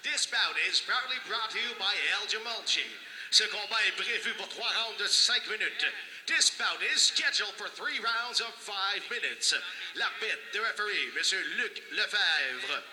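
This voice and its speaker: A man doing brash bilingual fight-night ring announcing, hyping the fighters with drawn-out names. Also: high-pitched, expressive, pushed and bright. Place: large indoor fight venue over PA. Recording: echoing arena hall, faint noise.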